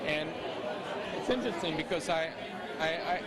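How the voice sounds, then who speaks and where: A man with a slightly high voice gives informal interview answers as an artist. He explains haltingly and hesitantly, with a loud crowd chattering around him. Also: lively intonation. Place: public art gallery, indoors.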